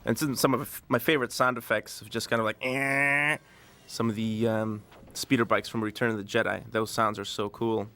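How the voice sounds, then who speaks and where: Man giving a relaxed DVD commentary. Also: medium pitch, moderate pace. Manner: relaxed, rambling, many fillers. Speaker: director.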